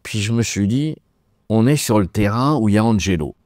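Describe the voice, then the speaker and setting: A man's voice: lowish voice, lively intonation, fairly quick, a little mellow, dry recording, clean studio sound. A man as an interview guest, telling his life story in a colloquial way, acting out dialogue and restarting words as he goes. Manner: colloquial, acts out dialogue in changed voices; frequent stammered restarts.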